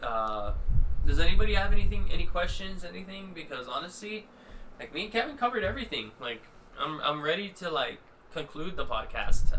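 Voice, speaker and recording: A man's voice: a little high, sharp tone, a little hiss or hum, low-quality recording. A young man hosting a casual podcast, talking in a laid-back, slangy way and laughing often. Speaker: podcast host.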